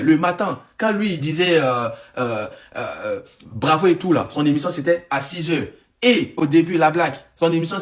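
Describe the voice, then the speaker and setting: A man commentating casually for his followers, with a voice sitting a little higher than most men's. He talks in an animated, stop-start way, stumbling over words and circling back to repeat his points. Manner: animated, stammering, repeats himself. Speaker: online commentator.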